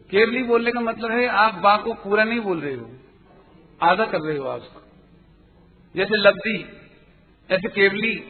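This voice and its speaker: A man teaching as a Jain teacher in a spiritual lecture, explaining quickly and earnestly and correcting pronunciation. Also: high voice. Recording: tinny phone-like sound in a reverberant hall.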